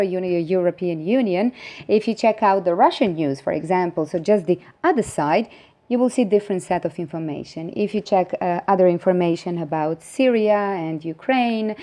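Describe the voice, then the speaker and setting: A woman's voice: fairly low pitch, warm tone. A middle-aged woman from Croatia with a Croatian accent talks earnestly to camera, rambling with many fillers and restarts. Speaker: vlogger. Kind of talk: casual monologue to camera.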